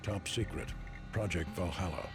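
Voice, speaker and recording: Man acting a low, sober military file reader. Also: moderate pace, over music, close to an everyday voice. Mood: sober, factual. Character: sober male reader of secret military files. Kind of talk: scripted document read-out in a video game.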